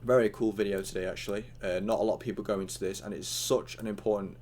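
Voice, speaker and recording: A man's voice: lowish voice, fairly even intonation, fast talker, a little mellow, a little hiss or hum. A young man with hiccups giving a casual, rambling online tutorial, full of fillers and acted-out chat lines.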